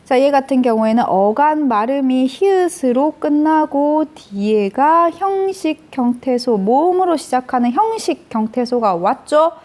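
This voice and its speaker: High-voiced woman teaching grammar. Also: animated, unhurried, hardly any pauses, darkish tone. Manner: explains step by step, asks and answers own questions. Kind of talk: lecture with rhetorical questions.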